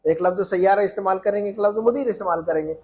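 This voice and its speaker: A man's voice: sits high, fast, a little mellow. A man teaching an Arabic lesson in Urdu, repeating phrases and checking that students follow.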